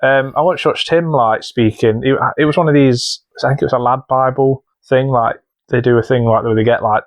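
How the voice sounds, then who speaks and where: A man's voice: mid-range voice, steady tone, a little fast. A man co-hosting a podcast in casual chat, rambling with lots of fillers and restarts. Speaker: podcast co-host.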